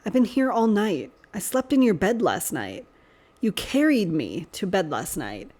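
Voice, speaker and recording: A woman's voice: medium pitch, sing-song, a little slow, a little mellow, husky. A woman voicing a teasing, blunt young man who talks frankly.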